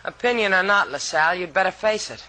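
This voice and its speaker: An actress playing a cool, sardonic young woman at sea, husky and quick in a 1950s radio drama. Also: lowish voice, animated, pushed and bright, slight background noise, poor audio. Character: young woman sidekick, cool but worried.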